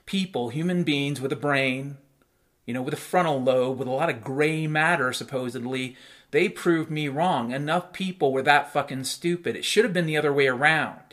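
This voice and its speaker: Ranting as a talk host, a middle-aged man launches into a blunt, profane monologue, hammering home his points by repeating phrases. He speaks at a moderate pace in a fairly high, slightly bright voice.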